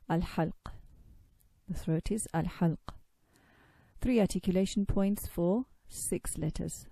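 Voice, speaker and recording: Dark-voiced woman teaching pronunciation, patient. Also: lowish voice, husky, dry recording. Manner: patient, demonstrates sounds slowly with drawn-out vowels. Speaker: tajweed teacher. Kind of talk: recorded lesson explaining pronunciation.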